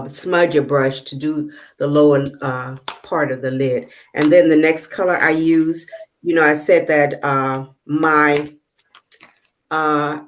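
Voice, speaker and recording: A woman hosting a live makeup tutorial over a video call, talking in a halting way with many fillers while she works and checking that viewers can see. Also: low-pitched. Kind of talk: casual live demonstration.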